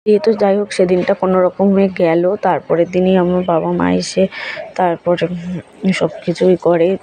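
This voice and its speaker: A woman's voice: on the low side, flat delivery, normal speed, warm tone, a little hiss or hum, rough recording. A young woman, narrating her day in a casual, rambling home vlog with many fillers. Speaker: vlogger, housewife.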